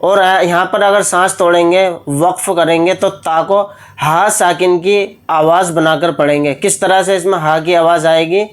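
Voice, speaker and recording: A man teaching a tajweed lesson, explaining each rule briskly step by step. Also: high voice, steady tone, clean tone. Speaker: Quran recitation teacher.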